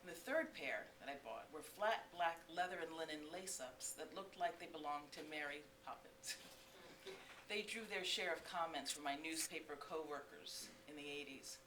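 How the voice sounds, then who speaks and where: A middle-aged woman reading from her own book to a live bookstore audience, breaking into animated, laughing asides. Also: low-pitched, normal speed. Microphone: distant room mic. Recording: echoey room, mic far off, faint hiss.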